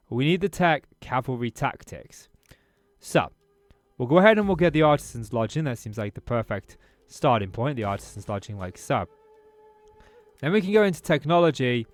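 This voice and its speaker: A British man, a gaming YouTuber, offers easygoing let's-play commentary on a strategy game, thinking out loud with a voice a little off from a recent throat infection. The voice is mid-range and the recording dry.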